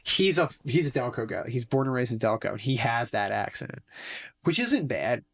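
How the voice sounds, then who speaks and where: A man's voice: mid-range voice, big pitch swings, normal speed, creaky. A man in his twenties with a Philadelphia accent, chatting casually on a podcast in a profane, slangy storytelling way. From Philadelphia area, US. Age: 20s.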